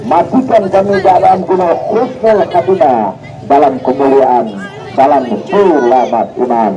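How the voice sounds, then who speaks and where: A man's voice: fairly high pitch, a little slow, some chatter behind. A man doing theatrical street show patter as a snake oil seller, commanding his onlookers with incantatory, repeated calls. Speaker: street medicine seller and showman. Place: outdoors at a roadside. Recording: dull lo-fi distant mic, loud background music.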